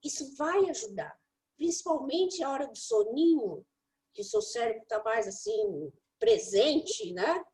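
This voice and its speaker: A woman English teacher mentors her listeners with practical study tips. Her voice sits high and moves through a wide, animated range. She speaks directly and playfully to the audience. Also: a little slow, low-quality recording.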